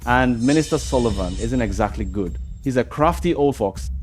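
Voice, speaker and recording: An actor playing a shrewd young male captain, calm and calculating, in a dubbed drama. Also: mid-range voice, normal speed, faint music behind, lightly acted.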